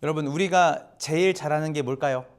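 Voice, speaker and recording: A guest pastor preaches in a church sanctuary in a chatty, conversational style, often posing questions to the congregation. His voice is on the high side, smooth, and fairly quick.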